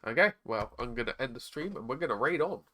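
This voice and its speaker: A man with a hoarse, raspy voice, chatting casually on a live stream while painting miniatures. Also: mid-range voice, lively intonation, fast, bright, forceful tone. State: hoarse, struggling to talk.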